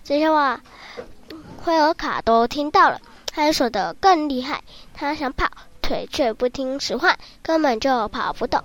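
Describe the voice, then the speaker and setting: A woman narrating a children's story in a lively, expressive way. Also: high-pitched, a little slow.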